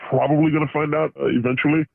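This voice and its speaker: A man's voice: on the high side, level tone, rapid-fire, gravelly, no echo. A man calling in anonymously through a voice changer, telling a story hesitantly with fillers. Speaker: anonymous caller confessing a story. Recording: phone-like, narrow-band voice.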